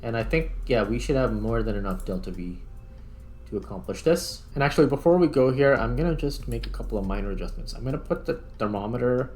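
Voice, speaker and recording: Fast and expressive, a male gaming host with a medium-pitched, darkish voice talks through his play in a casual way, thinking aloud. Background music accompanies the clip.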